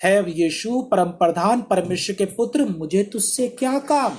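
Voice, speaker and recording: A man's voice: high voice, expressive, measured pace, darkish tone. A male pastor voicing a tormented, demon-possessed man who cries out in protest as he retells the story in a sermon. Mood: pleading. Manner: crying out in protest.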